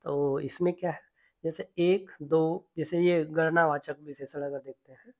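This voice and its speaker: A man's voice: on the high side, steady tone, measured pace. A man teaching a grammar lecture, patiently listing examples one by one and checking in with the class. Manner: patient, repetitive explaining tone.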